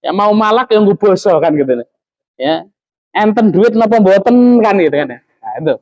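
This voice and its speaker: A man's voice: on the high side, expressive, a little fast, dull audio. A man giving a religious study lecture as an Islamic teacher, talking in a conversational way with frequent tag fillers. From Lampung, Indonesia.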